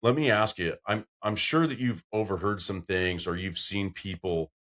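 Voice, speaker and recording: A middle-aged man hosts a casual podcast, wandering through stories at a normal speed and acting out the quotes of the people in them. His deep, booming low voice carries and fills the room, and it gets louder whenever he's excited.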